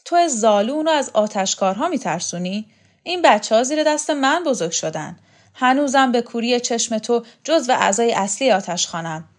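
A woman voicing a fierce, bossy older woman commander who scolds and shouts insults in a loud, raised voice. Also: on the high side, lively intonation, hardly any pauses, pitched above the performer's own voice, close to an everyday voice. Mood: furious scolding.

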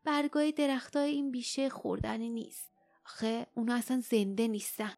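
A woman voicing a gentle, weary mother Kin, a large flying creature, in an audiobook reading. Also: a little high, fairly even intonation, vocal fry, soft background music.

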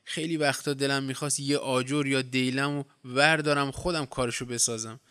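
A man's voice: medium pitch, fairly even intonation, a bit bright, smooth, no room sound, close to an everyday voice. A man reading the part of a short-tempered farm owner who scolds and argues. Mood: reproachful. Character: exasperated farm-owning man.

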